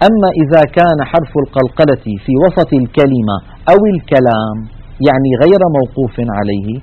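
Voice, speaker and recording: A man's voice: mid-range voice, animated, quick pace, husky, dull audio. A man teaching Quranic recitation in a methodical lecture, explaining slides with spoken examples. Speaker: tajweed teacher.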